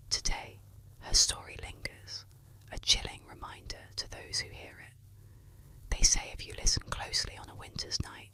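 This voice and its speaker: Woman whispering close in ASMR storytelling. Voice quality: soft unvoiced whisper. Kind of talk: whispered ASMR narration of eerie legends. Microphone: close ASMR microphone.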